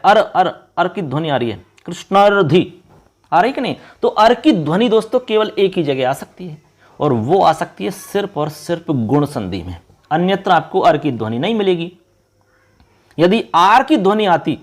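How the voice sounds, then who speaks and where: A man giving an online exam-prep lesson, quizzing viewers and slowly repeating key terms. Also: high voice. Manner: addresses viewers as friends, quizzes them. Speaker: teacher.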